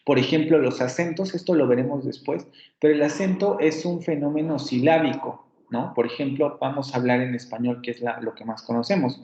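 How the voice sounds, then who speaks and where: A man's voice: mid-range voice, brisk, mellow. A man with a Mexican Spanish accent giving a university phonetics lecture, explaining step by step, repeating example words aloud and correcting himself often. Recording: roomy, dull lo-fi sound.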